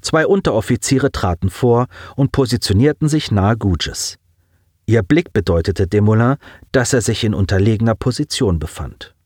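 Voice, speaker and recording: A man narrating a science fiction story in measured scripted storytelling, on a close mic. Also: lowish voice, lively intonation, a little mellow, dry recording. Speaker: audiobook narrator.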